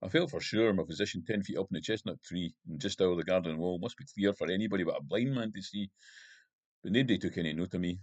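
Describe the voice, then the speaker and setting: A man with a low, deep voice reads his own first-person crime novel aloud. He narrates at a steady, measured pace. The sound is dry and close, with no room echo. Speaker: author reading his novel.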